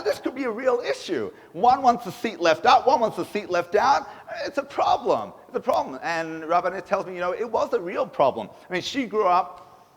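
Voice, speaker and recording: Male rabbi, emphatic sermon delivery, high-pitched with a slightly raspy voice, long hall reverb. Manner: animated, emphatic preaching with rhetorical questions. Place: synagogue sanctuary. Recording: echoey synagogue hall.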